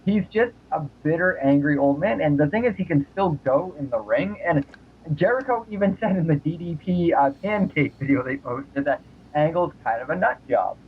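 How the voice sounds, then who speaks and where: A sardonic man rants through crude jokes on a podcast, his voice a little high for a man and husky. The sound is squeezed thin as if over a phone line. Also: animated, normal speed. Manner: sardonic, ranting, crude humor. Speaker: podcast co-host. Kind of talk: casual chat. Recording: phone-like narrow band.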